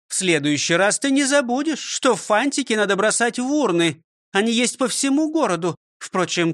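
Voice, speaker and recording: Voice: medium pitch, a bit bright, no room sound, studio quality, voice pushed up. A reader voicing a strict elderly woman schoolteacher who scolds and commands, in an audiobook reading. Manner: scolding, commanding, counts out exercises.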